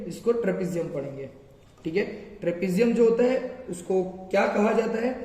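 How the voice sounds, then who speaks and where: Guy teaching maths, repeats words slowly, echoey room. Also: high-pitched, darkish tone. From India. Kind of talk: classroom lesson explaining formulas. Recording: echoey room with long reverb.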